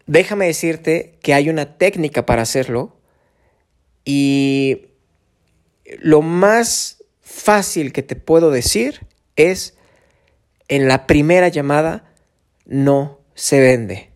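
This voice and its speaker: A man's voice: fairly high pitch, a little mellow. A man with a Mexican accent hosting a solo podcast, talking conversationally in a coaching tone, asking rhetorical questions and using casual fillers. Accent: Mexican Spanish. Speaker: podcast host. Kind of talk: solo podcast monologue on sales.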